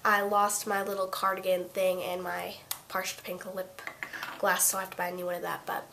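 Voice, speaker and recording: A woman's voice: on the low side, monotone, fairly quick, vocal fry, noisy background. A teenage girl with a cold and a congested voice, chatting her way through a casual makeup tutorial with lots of fillers and self-corrections. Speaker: beauty vlogger.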